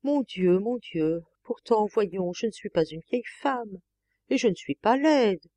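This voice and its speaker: A woman's voice: medium pitch, animated, measured pace, mellow, no room sound. A woman reading an audiobook, voicing a lovelorn, tearful lady of the house who pleads and moans. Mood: lamenting. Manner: pleading, moaning, breaking into sobs. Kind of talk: audiobook character voice.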